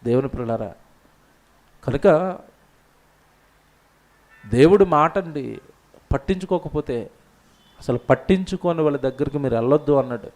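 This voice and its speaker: A man preaching a sermon with passion, swinging between loud outbursts and quiet asides. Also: fairly high pitch, animated, normal speed, long pauses. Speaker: pastor.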